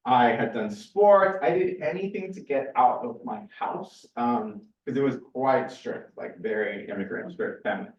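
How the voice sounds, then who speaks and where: Heard in a muffled, distant, roomy recording, a forty-something research scientist from California lectures informally and personally, correcting himself often. His mid-range voice has a darkish tone, moving at normal speed with hardly any pauses.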